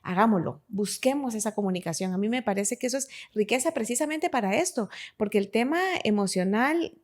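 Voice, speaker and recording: A podcast host with a Guatemalan Spanish accent interviews guests, asking them reflective questions. Her mid-range voice has lively intonation and a fairly quick pace.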